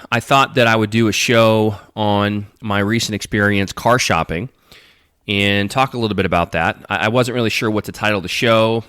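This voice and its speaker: A podcast host, alone on the mic, reads announcements in a casual, meandering way full of fillers, sounding a little stuffed up from a runny nose. His voice sits on the low side, fairly bright, clear and resonant, captured dry with clean studio sound.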